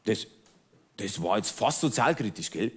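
A male cabaret comedian with a Lower Bavarian accent, speaking in a dry, ironic way. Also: expressive, normal speed, breathy edge. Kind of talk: stand-up cabaret.

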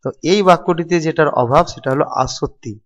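A man's voice: on the high side, fast, in a large hall. A man teaching an exam-prep grammar lesson, explaining step by step and repeating key terms.

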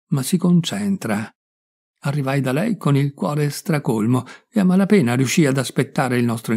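A man narrating a classic novel in the first person, measured and emotive, lingering on phrases. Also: medium pitch, darkish tone. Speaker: audiobook reader.

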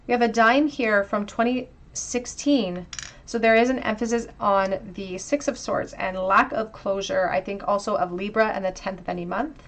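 A woman giving a pick-a-card tarot reading, speaking gently and reflectively straight to the viewer. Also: fairly high pitch. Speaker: tarot reader.

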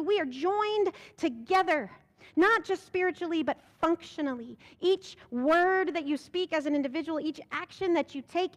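A young American woman pastor preaches a sermon from the pulpit of a church sanctuary, posing rhetorical questions and building to emphatic, rising lines. Her voice sits high, picked up by a pulpit microphone, with a long reverb tail.

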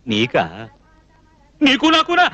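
A man's voice: very high-pitched, wildly swooping pitch, fairly bright tone, dry recording, highs cut off, full character voice. A young man playing a flustered bachelor who scolds in exasperated bursts in a film comedy scene. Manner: exasperated rapid scolding with comic outbursts. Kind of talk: Telugu film comedy dialogue.

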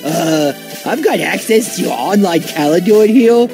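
A man's voice: sits high, animated, normal speed, music in the background. A man voicing a cheerful, clueless cartoon athlete with a goofy, naive, drawling delivery. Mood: cheerfully oblivious. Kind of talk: cartoon voice acting.

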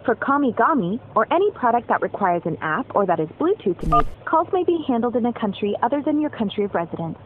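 A woman's recorded phone menu message, a polite, measured scripted announcement for a customer service line. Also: a little high, sing-song. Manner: polite, measured, evenly paced. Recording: tinny phone line with faint hiss.

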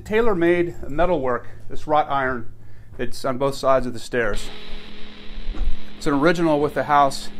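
This fairly high-pitched older man, heard on a rough recording, walks through his own house pointing out each room in a chatty, enthusiastic way, restarting himself frequently. It's casual tour narration captured indoors by a camera mic following behind him.

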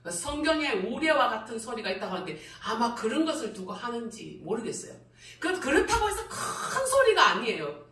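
A middle-aged woman pastor preaches a testimony sermon, laughing often and acting out her own cries to God. Her high, bright voice swings widely in pitch and sounds distant, echoing through a roomy hall.

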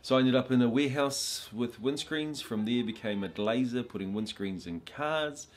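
A man in his forties telling his life story in a relaxed, reflective way during an interview in a classroom. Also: mid-range voice, normal speed. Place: indoor classroom.

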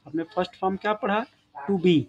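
A man's voice: high voice, a little fast, lo-fi sound. A man teaching English grammar in a classroom style lesson, often stopping to check that his students follow. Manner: addresses students as children, frequent checking tags.

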